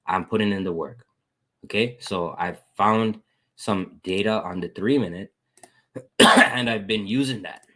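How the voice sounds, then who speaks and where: Unhurried and sharp-toned, this man shares his screen to take viewers through his trades in a casual way. As a trading educator, he addresses them as "guys" over and over, celebrates wins with repeated "boom"s, and thanks members of the chat.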